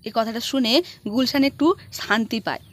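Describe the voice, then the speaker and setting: Woman recap narrator, fairly high voice, lively scripted storytelling. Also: normal speed.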